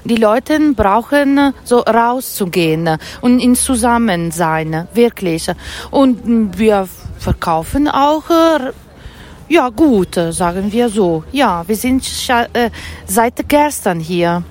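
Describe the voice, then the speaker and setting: A woman's voice: a little high, animated, takes it slowly, darkish tone. A woman from northern Italy with an Italian accent and Italian as her first language, interviewed at an outdoor Christmas market stall, often searching for her German words. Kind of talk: casual interview.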